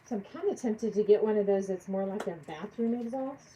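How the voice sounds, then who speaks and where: A woman's voice: mid-range voice, brisk, mellow, a little hiss or hum, rough recording. A woman chatting casually during a live craft stream, congested from allergies, thinking aloud and answering viewers by name. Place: home craft workspace.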